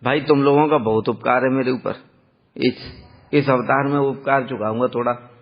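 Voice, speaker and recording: A man's voice: medium pitch, steady tone, moderate pace, lightly acted. A male storyteller voicing a playful young divine child who speaks affectionately and gratefully to monkeys. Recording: dull lo-fi sound with long hall reverb.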